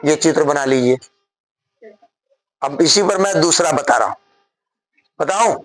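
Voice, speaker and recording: A man's voice: on the high side, lively intonation, a little slow. A man teaching a physics lesson to a class. He dictates word by word and keeps asking the students questions.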